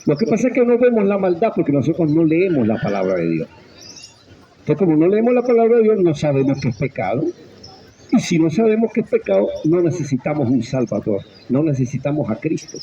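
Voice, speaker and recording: Fervent preacher man with swooping pitch. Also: very animated, brisk, warm tone, lo-fi sound. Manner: fervent, swooping preaching with sudden rises and drops. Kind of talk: sermon. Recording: faint background noise.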